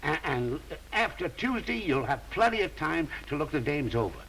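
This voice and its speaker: An actor playing a blunt, cynical, slangy political boss in a 1930s comedy film. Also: male voice, fairly high pitch, sing-song, normal speed, gravelly, a bit bright, heavily acted, low-quality recording. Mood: pushy. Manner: blunt, bossy, wisecracking. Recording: hissy 1930s film soundtrack.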